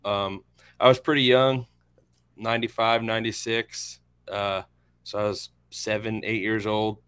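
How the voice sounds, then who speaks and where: A man's voice: lowish voice, level tone, measured pace, a bit bright, clean tone. A man in his thirties from central Florida with an American accent, chatting casually about sports as a panelist. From central Florida, USA. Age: 30s.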